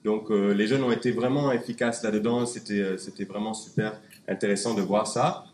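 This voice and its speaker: Speaking fairly quickly in a low-leaning, steady, slightly mellow voice, a man from Canada presents at a conference and runs through his slides with lots of fillers and restarts. The recording picks up an echoey hall and faint background noise.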